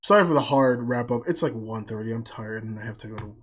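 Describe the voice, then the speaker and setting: A young man from the United States hosting a podcast in casual chat, blunt and teasing and quick to swear. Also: mid-range voice. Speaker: podcast host.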